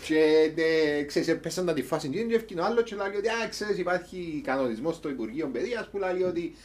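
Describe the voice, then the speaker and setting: A man's voice: fairly high pitch, expressive, a little mellow. A man with a Cypriot Greek accent hosting a casual, comedic talk show, chatting colloquially and swearing freely.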